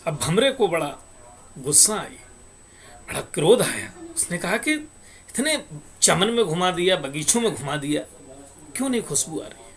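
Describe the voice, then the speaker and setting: This man's voice runs on the high side with a sing-song, slightly bright quality, moving at normal speed with frequent pauses. As a moral storyteller, he tells a parable with sung verses and plainly explains its lesson, talking straight to his audience.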